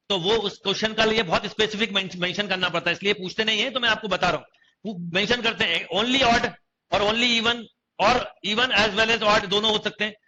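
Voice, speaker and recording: Bright, high-voiced man teaching maths. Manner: questioning students, repeating phrases. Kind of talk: online coaching class lecture. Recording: dull lo-fi class recording.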